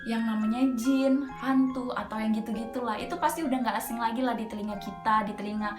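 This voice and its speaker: Telling a mountain ghost story as a casual horror host, a young woman from Medan, Indonesia speaks fast in a high voice with a Medan accent. She keeps it slangy and chatty, with frequent filler interjections. Background music plays and the room echoes.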